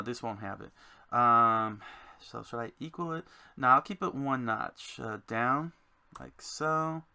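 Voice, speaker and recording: A man designing a card game, thinking aloud to himself in a slow, musing way as he works. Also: medium pitch, creaky, bright, forceful tone.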